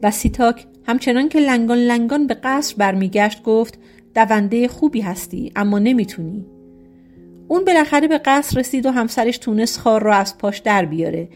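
A woman's voice: fairly high pitch, animated, hardly any pauses, darkish tone, soft background music. A woman reading a folk tale aloud as an audiobook narrator, speaking each character's lines in her own voice. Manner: reads all characters in her own voice with quoted dialogue. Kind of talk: storybook narration.

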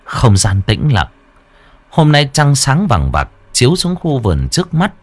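A man's voice: huge pitch swings, measured pace, dry recording. A man narrating a horror story in a dramatic, tense way. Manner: dramatic, tense storytelling with wide swings in pitch. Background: faint background music.

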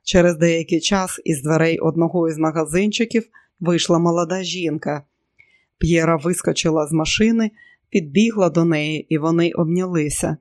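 Man reading a novel aloud, steady, slightly high voice, dry close sound. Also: moderate pace, no room sound. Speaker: narrator. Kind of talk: audiobook narration.

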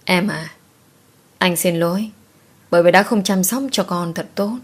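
Storybook role: gentle grieving father, soft and apologetic, voiced by a woman narrator. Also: fairly low pitch, steady tone, unhurried. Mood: tender.

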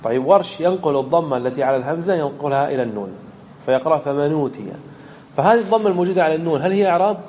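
A man's voice: fairly high pitch, animated, very fast, a little mellow, muffled recording, a little hiss or hum. A man, a sheikh, teaching an Arabic grammar lesson to students and explaining each point step by step. He puts questions to the class and then answers them himself. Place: lecture room with students present.

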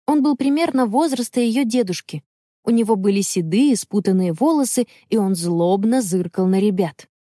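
A woman telling a children's story in measured, expressive audiobook narration. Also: mid-range voice, no echo, studio quality.

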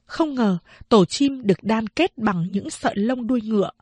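A woman reading a novel aloud as an audiobook narrator, in measured, unhurried storytelling. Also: a little high, a little mellow, husky, no echo.

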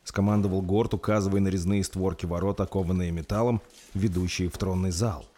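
A man reading a dark fantasy story aloud in a steady, dramatic narration. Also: low-pitched, fairly quick. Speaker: audiobook narrator.

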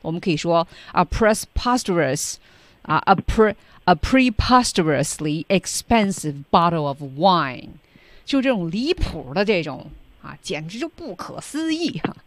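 A female radio host co-presenting an English lesson in a chatty, animated way. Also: fairly low pitch, measured pace, no room sound.

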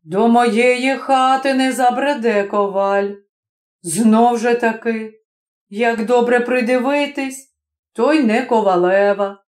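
A woman voicing a stubborn, sly middle-aged village man who mutters slowly to himself. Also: a little high, steady tone, echoey room. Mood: grumbling.

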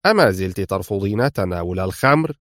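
Picture a swaggering, mocking crime boss in an audiobook, smug and taunting, his voice pitched low, as a male narrator reads him. The speech is dry and close to the mic. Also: lively intonation, brisk, no echo. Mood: gloating.

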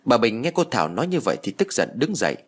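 A man narrating a scripted horror story in a dramatic, expressive way. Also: medium pitch, fast, breathy edge.

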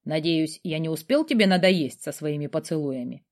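A woman voicing a calm, self-assured young male necromancer, speaking in a measured way. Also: low-pitched. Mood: amused. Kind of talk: audiobook character voice.

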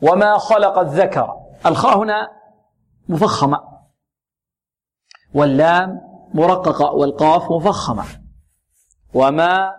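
A man teaching Quran recitation rules, drawing out words slowly and repeating syllables, asking and answering his own questions. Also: fairly high pitch. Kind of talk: tajweed lesson with recited examples.

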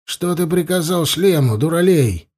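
A man's voice: on the high side, animated, a little slow, darkish tone, slightly rough, voice pushed up. A man voicing an irritable young priest who scolds his companion in an audiobook. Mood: irritated. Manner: exasperated, scolding.

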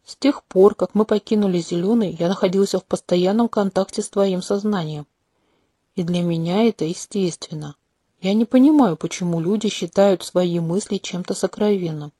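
A woman voicing a charming, manipulative male non-human prince in a home-made audiobook, speaking calmly and candidly with a faintly mocking edge. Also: fairly low pitch, normal speed, breathy edge, dry recording, studio quality. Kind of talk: audiobook character reading. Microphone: close home mic.

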